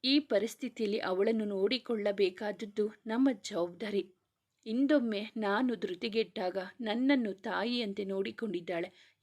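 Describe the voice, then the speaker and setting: A woman's voice: medium pitch, natural voice. A woman voicing a grieving young man who urgently pleads to see his sister, in a read-aloud romance story. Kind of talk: reading a serialized romance novel aloud.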